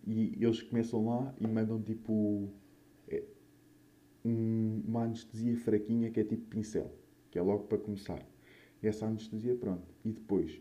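A young man with a European Portuguese accent and a slightly low, very dark, mellow voice. He rambles through personal stories like a solo host, in loose, sweary slang. His mouth is a little swollen after having wisdom teeth out. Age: young adult. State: mouth still a bit swollen after wisdom tooth removal. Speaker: podcast or vlog host. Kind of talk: casual solo chat, rambling anecdotes.

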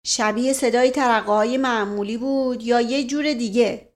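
A woman's voice: on the high side, fairly even intonation, lightly acted. A woman voicing a bossy middle-aged male police officer who fires off impatient questions, in a storybook reading. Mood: barking.

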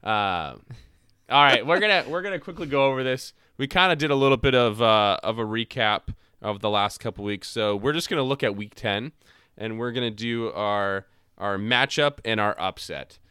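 A young man hosting a casual fantasy football podcast, animated and quick to get loud, a little hoarse from yelling. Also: mid-range voice, no echo, studio quality. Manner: animated, trails off and restarts, gets loud when excited. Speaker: podcast host.

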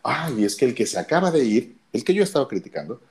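A man with a deep voice and a Mexican Spanish accent, a radio announcer telling his story in casual chat and acting out the dialogue. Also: big pitch swings, quick pace, creaky, a little mellow.

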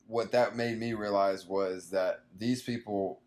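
A man's voice: on the low side, fairly even intonation, unhurried, darkish tone. A man in his twenties, a young small business owner, giving earnest, rambling advice in a casual conversation, full of fillers and restarts. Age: 20s.

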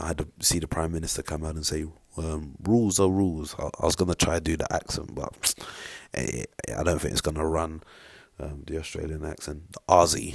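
A man's voice: rumbling low, vocal fry, breathy edge, dry recording. A man talking casually straight to camera, rambling with many fillers as he gives his opinion in a vlog. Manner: rambling, filler-heavy, conversational. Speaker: vlogger.

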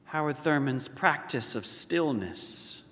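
Slow, deliberate preacher in a reverberant hall. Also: male voice, a little high, expressive. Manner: slow, deliberate preaching with dramatic swells and hushed drops. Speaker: pastor. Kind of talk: sermon.

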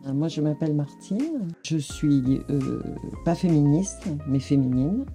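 Gravelly-voiced woman in a group talk. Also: low voice, animated, measured pace, warm tone, faint music behind. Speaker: guest, company director. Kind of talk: group discussion.

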